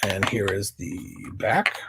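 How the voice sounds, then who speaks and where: A man's voice: lowish voice, slow, vocal fry, very noisy. A man talking casually in a collector haul video, chatty and enthusiastic, with many fillers. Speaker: collector vlogger.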